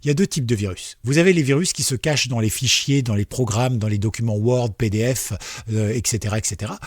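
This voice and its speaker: A man's voice: medium pitch, quick pace, dry recording, studio quality. A man hosting a casual computer tutorial, chatty and reassuring, with many fillers and friendly asides. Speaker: tech tutorial host. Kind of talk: casual screen-share tutorial.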